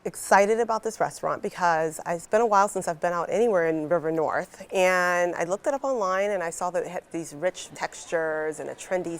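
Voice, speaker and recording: A woman guest reviewer with a fairly low voice, chatting descriptively about a night out. Faint room noise sits behind her. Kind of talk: casual TV discussion.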